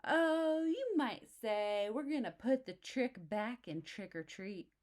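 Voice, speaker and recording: A woman plays a swaggering boy bear, leader of a storybook gang. He is sly and cajoling, egging others on toward mischief, with his pitch jumping up as he goads them. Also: animated, slow pace, a little mellow.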